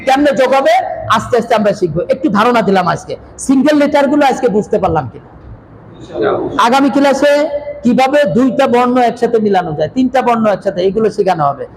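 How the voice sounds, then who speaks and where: A man's voice: extremely high pitch, expressive, fast talker. A man teaching Quran reading, repeating letters and asking the class to say them back. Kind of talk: classroom lesson with call-and-response drills. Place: classroom with students. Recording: noisy room with a crowd of learners.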